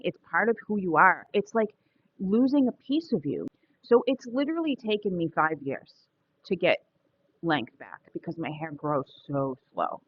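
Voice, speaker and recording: A woman's voice: lowish voice, highs cut off. A woman in her forties talking candidly in a casual personal vlog, chatty and prone to restarting her sentences. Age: 40s. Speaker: vlogger.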